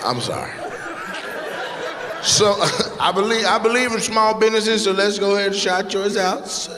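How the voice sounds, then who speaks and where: Here a man with a high-pitched voice does crowd work in stand-up, teasing and brash with quick wit. He's performing on stage in a large comedy venue, captured live with long reverb and loud background noise.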